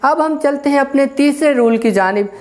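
A woman teaching an English grammar lesson, explaining slowly, repeating herself and spelling words out letter by letter. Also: sits high, darkish tone. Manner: slow, repetitive, spells out letters one by one.

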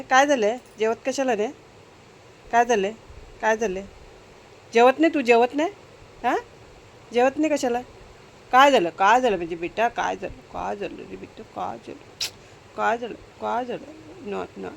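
A woman coaxing her hurt cat to eat, asking the same gentle questions over and over in a cooing pet-talk voice. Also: fairly high pitch, a little hiss or hum, poor audio. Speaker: cat owner talking to her cat.

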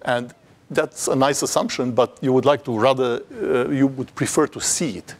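A middle-aged man gives an academic seminar talk, standing before slides in a lecture hall. His voice sits in a plain middle range, and he works through his points haltingly, full of restarts and fillers, with a dry wit. He is picked up on a lapel mic. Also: mid-range voice. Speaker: invited seminar speaker.

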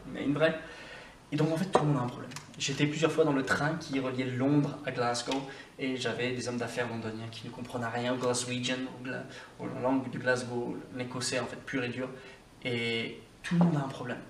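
A man teaching an English lesson in a relaxed, conversational way, addressing the viewer directly. His voice sits at an ordinary middle pitch. He is a little far from the mic in a roomy space, with faint ambience behind him. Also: a little hiss or hum. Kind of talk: casual video lesson.

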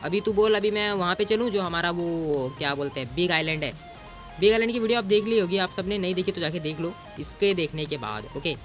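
Gamer guy, casual commentary, bossy and teasing, pitched high, faint music under him. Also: a little fast, fairly bright tone. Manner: bossy and teasing, mixes in English exclamations. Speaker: gaming YouTuber.

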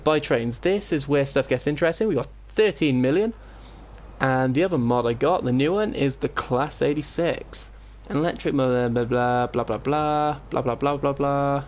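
A man giving casual gameplay commentary, rambling and thinking aloud, often interrupting himself. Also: mid-range voice. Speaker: let's play host. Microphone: compressed desktop microphone, voice-over. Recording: faint room noise, keyboard typing, compressed mic. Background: keyboard typing and background noise.

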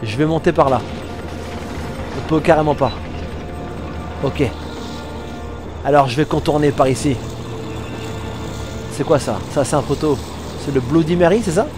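French-sounding? no — just a chatty gamer dude, swears a lot, game music loud behind. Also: male voice, on the high side, unhurried, long pauses. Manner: excitable, swears, talks to the game. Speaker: let's play gamer. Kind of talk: casual gameplay commentary.

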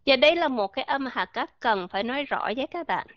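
Speaking fast and expressively in a high voice, this woman from Vietnam gives an online English pronunciation lesson. She explains patiently, repeats example words and asks her listeners questions. There's no room sound; the audio is dry, dull and lo-fi.

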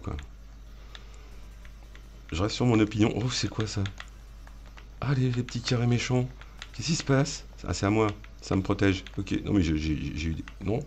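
A man hosting a gaming video, joking and shouting at the game as he plays and talks to his viewers. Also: fairly low pitch, normal speed, pauses often, a little hiss or hum. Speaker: gaming channel host. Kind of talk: live let's-play commentary.

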